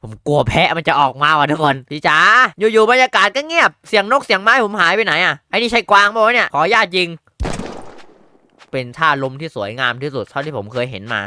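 A man streaming a horror hunting game, reacting with excitable, jokey exclamations and running commentary. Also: high-pitched, a little fast, smooth, no echo. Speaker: gaming streamer.

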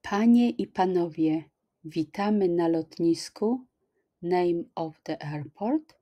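A middle-aged woman teaching language, repeating each phrase slowly and clearly, at home on a webcam. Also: lowish voice, animated, warm tone. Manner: slow, careful, clearly articulated repetition. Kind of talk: extra slow language lesson, repeating phrases.

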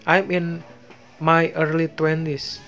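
This bilingual slide lesson features an Indonesian-accented man whose high-side voice is level and a bit bright, with faint music behind him. He reads basic English phrases slowly, explains and translates each one, and leans heavily on fillers.

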